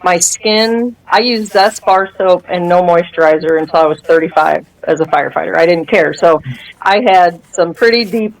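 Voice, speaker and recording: Her voice on the low side and her speed normal, a woman in her 50s recounts her testimony as an interview guest in a casual setting. She animatedly voices the words of the people in her story and laughs a lot. The recording is rough.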